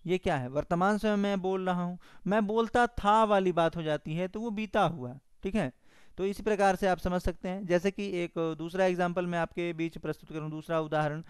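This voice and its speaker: A man teaching Hindi grammar in an online exam-prep lesson, with a Bihari Hindi accent, repeating definitions slowly word by word for students to copy down. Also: high-pitched, clean tone, dry recording, clean studio sound. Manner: slow, repetitive dictation of definitions.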